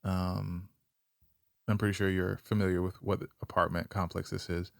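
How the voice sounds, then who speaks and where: A man with a fairly low voice hosts a casual podcast chat, ribbing his guest with playful trash talk. He is from Georgia. The sound is close and dry. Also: level tone, moderate pace, vocal fry, no room sound. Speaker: podcast host.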